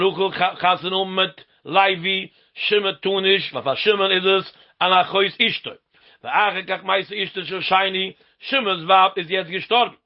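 A man, explaining a Talmud passage in a sing-song lecture. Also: high voice. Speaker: Talmud teacher. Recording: lo-fi dull recording.

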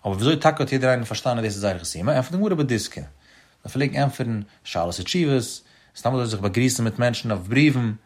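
Fast sing-song male Talmud teacher. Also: medium pitch, expressive, slightly rough. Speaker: religious teacher. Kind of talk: Talmud study lesson.

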